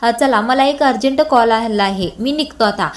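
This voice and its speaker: A woman voicing a male doctor who speaks hurriedly and evasively, in her own high voice. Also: moderate pace, natural voice.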